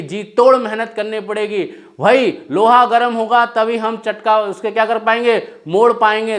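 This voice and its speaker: A man's voice: high voice, fairly bright tone. A man teaching an exam-prep lecture, who keeps asking rhetorical questions and answering them himself while urging students on. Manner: asks a question then answers it himself, exhorting. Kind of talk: classroom lecture with call-and-response questions. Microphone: whiteboard lecture recording.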